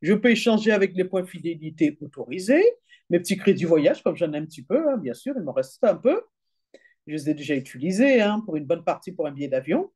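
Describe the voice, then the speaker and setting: Chatty woman with a lively, mellow voice. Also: lowish voice, husky. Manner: chatty, peppered with "hein" and "d'accord"; reads prices and numbers aloud slowly. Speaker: travel deals presenter. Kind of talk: app demonstration voice-over.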